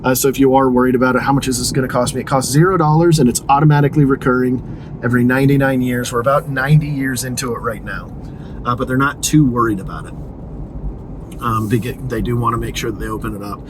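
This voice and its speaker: A man guiding a driving tour from inside a car, talking in a loose, chatty way and poking fun at himself. Road noise hums clearly underneath, and his pitch sits mid-range. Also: steady tone, fast. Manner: chatty, joking, self-deprecating asides. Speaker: real estate agent and tour guide. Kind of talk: casual driving tour narration.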